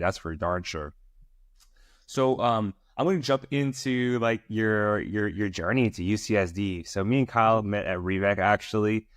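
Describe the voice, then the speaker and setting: A male podcast host with a lowish voice, hyping up his guest in loose, slangy talk. The sound is close and dry, with no room around it. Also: no echo. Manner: hyped, slangy, calls guest "my boy" and "my brother". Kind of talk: casual podcast interview.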